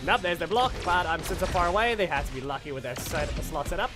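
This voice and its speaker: Music plays behind this gaming channel host, whose voice is a little high and whose pace is quick. In his casual live fighting-game commentary, he excitedly shouts out moves and taunts his opponents.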